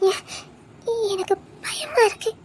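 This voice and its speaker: A woman's voice: takes it slowly, a little mellow, close to an everyday voice. A young woman acting an anxious lover who pleads tearfully with her partner in a romantic drama. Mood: fearful, pleading.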